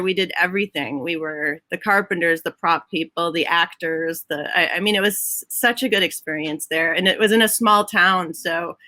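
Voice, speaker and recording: Bright-voiced Minnesotan woman chatting. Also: lowish voice, no room sound. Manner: chatty, laughs often, restarts sentences. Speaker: guest, Broadway head of props. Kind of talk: casual interview chat. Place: her home.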